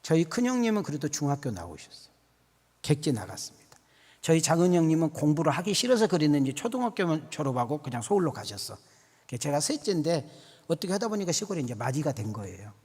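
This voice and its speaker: Male pastor, sermon, folksy animated storytelling, high voice, long church reverb. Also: fast, breathy edge. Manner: animated, folksy storytelling with rising emphatic calls. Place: church sanctuary.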